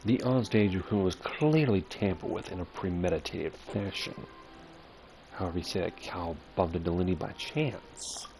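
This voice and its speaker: With music playing underneath, a low-pitched man speaks at normal speed while recording a game playthrough, voicing the dialogue with offhand comments and occasional stumbles. There's clearly noticeable background noise.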